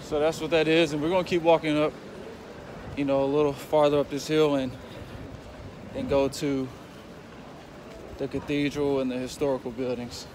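A man in his twenties, a football player, walking through a city and talking casually to his phone camera, relaxed and grateful. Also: on the high side, normal speed, long pauses. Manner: relaxed, grateful, talks while walking outdoors. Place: outdoor city streets and square. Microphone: phone camera held at arm's length. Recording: street noise and passing traffic.

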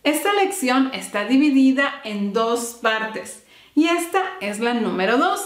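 High-voiced woman teaching English slowly. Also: big pitch swings, echoey room. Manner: clear, deliberate modeling of phrases for repetition. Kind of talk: bilingual language lesson.

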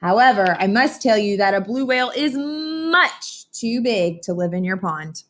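A polite male schoolteacher from a storybook, read by a woman. The delivery is measured and deliberate, patiently correcting, with lively pitch movement. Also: lightly acted. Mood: patient, firm. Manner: measured, deliberate, formal letter reading.

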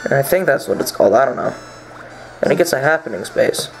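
Lively, joking young man playing a game. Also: medium pitch, a little fast, gravelly, faint music behind, low-quality recording. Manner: joking, sarcastic, rambling. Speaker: gameplay commentator. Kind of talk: casual gameplay banter.

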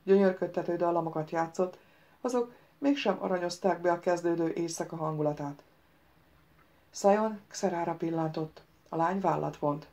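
A woman narrating a fantasy audiobook in an even, measured reading. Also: on the low side. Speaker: audiobook reader. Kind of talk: scripted narration.

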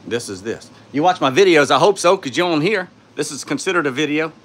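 A man's voice: expressive, a little fast, fairly bright tone, slight background noise. Tired man with a sore throat. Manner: laid-back, tired, low-key. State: sore throat, speaking softly. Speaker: YouTuber hosting a live stream. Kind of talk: casual live-stream chat, reading out and answering viewer comments. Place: indoors in his home studio. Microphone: phone.

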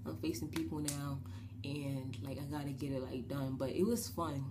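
Recording on a webcam at desk distance in her small bedroom, a young vlogger from New Jersey tells a casual, rambling story full of fillers and quick gestures. Her voice rumbles low, raspy and a bit shaky following a breathing treatment, with heavy background noise. She comes across as animated.

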